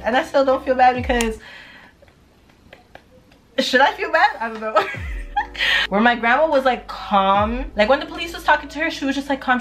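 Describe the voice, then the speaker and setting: A woman's voice: on the high side, a bit bright. A young adult woman vlogging at home, telling a personal story in a candid, chatty way, full of fillers and the odd swear word. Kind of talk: casual story time. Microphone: camera mic.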